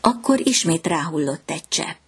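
Woman storyteller reading a fairy tale. Low and breathy, gentle and measured. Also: animated.

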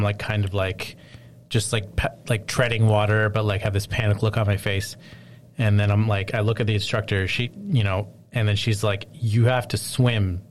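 A man telling a long personal story in casual chat, rambling and animated, full of fillers. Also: lowish voice, slight background noise.

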